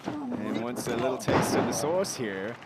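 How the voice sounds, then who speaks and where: A man's voice: mid-range voice, huge pitch swings, measured pace. Analytical man doing wrestling color commentary. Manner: analytical, breaking down technique. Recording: loud arena crowd and noise.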